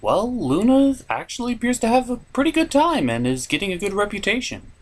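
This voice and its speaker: A puppet-show reviewer and host delivers a scripted comedic review in an exasperated, sweary rant. His voice sits high, swings widely in pitch, and moves fairly quickly.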